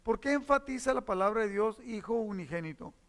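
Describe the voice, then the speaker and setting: A man's voice: high voice, lively intonation, a little fast, a bit bright, big-room sound. A man preaching a sermon as pastor, reading verses and explaining them, repeating key phrases to teach.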